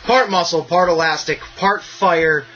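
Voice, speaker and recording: A man hosts a podcast in loose, rambling conversation, swearing freely and breaking into bursts of enthusiasm. His voice sits a touch high and sounds bright and forceful. The recording is muffled and lo-fi. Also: a little slow. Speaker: podcast host. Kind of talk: casual chat.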